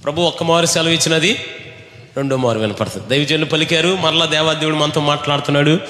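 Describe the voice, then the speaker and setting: A man preaching a call-and-response sermon as pastor, urging the congregation to repeat his words loudly. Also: fairly high pitch, fast talker. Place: large echoing church hall. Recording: echoey hall sound, faint ambience.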